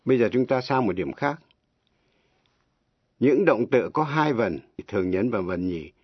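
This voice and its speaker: A man teaching English pronunciation on the radio, slow and deliberate, spelling words out letter by letter. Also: medium pitch, expressive, slightly rough, no echo. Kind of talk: slow radio language lesson. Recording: dull, lo-fi radio broadcast.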